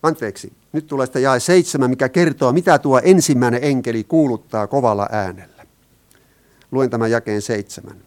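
A man's voice: mid-range voice, a little mellow. A man preaching a sermon. He talks in an earnest way, asks his listeners questions and explains Greek words.

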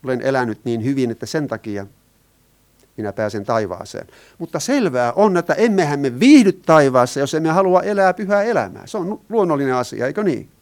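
A man's voice: a little high, animated. Man preaching with rhetorical questions. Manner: asks the listeners rhetorical questions, rises and falls in emphasis. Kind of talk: sermon.

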